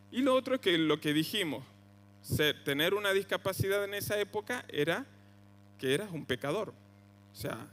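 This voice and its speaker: Argentine preacher with a high voice. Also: male voice, a bit bright, long reverb tail. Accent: Argentine Spanish (voseo). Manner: conversational preaching, rises sharply on quoted cries. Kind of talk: sermon. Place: church hall.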